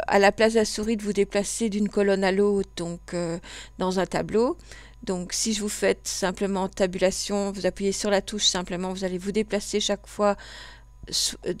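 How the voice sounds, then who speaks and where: A woman with a Belgian French accent, calmly walking learners through keyboard use step by step in a computer class tutorial. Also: mid-range voice, no room sound. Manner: patient step-by-step explaining, with frequent fillers. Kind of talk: screen-recorded tutorial.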